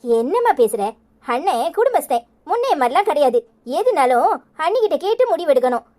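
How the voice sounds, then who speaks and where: Young cartoon daughter with a Tirunelveli accent, voiced by a woman; coaxing peacemaker, high and lively. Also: fairly quick. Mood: reasoning. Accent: Tirunelveli Tamil. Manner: coaxing, reasoning, pleading. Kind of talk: cartoon voice acting.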